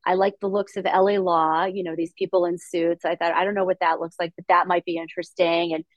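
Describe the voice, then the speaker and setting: Guest, woman, middle-aged, from Latvia; articulate, upbeat storyteller, lowish voice, dry close recording. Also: level tone, brisk, no room sound, lo-fi sound. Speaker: podcast guest, investor. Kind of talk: conversational interview.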